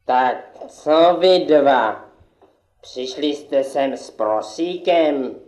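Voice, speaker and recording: A man's voice: mid-range voice, animated, darkish tone, lightly acted. A man playing a pompous, lordly estate steward in a puppet theatre play. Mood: stern, suspicious. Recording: echoey room.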